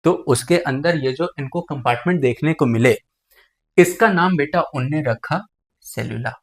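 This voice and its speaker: A man with a slightly higher voice gives a classroom biology lecture. He talks to his students warmly as "beta" and keeps raising a question before answering it himself. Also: normal speed. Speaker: biology teacher.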